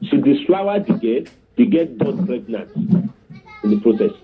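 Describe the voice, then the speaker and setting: An earnest man with a Yoruba accent lectures parents and keeps checking that his listener is still with him. His voice sits at an ordinary middle pitch. It comes through a thin, narrow line like a phone call. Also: big pitch swings, normal speed. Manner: earnest, instructive, often asks the listener to confirm. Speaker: guest speaker on parenting. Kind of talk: teaching talk with told anecdotes.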